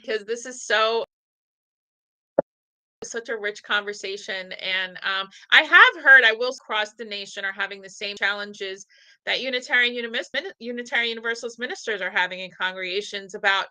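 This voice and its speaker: A woman from the Northeastern US hosting a podcast, talking in an animated, blunt way and swearing casually. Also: on the high side, poor audio. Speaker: podcast host. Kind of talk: casual conversation.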